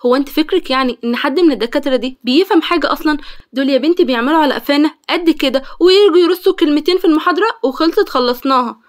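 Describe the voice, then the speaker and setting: A woman voicing a sharp-tongued, careless young female student with cheeky back-talk, in an Egyptian Arabic accent. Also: high voice, rapid-fire, natural voice. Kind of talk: storytelling.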